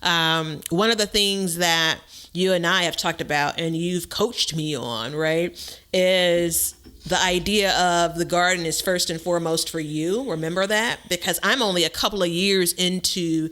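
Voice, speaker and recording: A man's voice: high-pitched, unhurried, bright, forceful tone, clean tone. A man hosting a podcast in casual chat, talking in a conversational, discursive way. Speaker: podcast host.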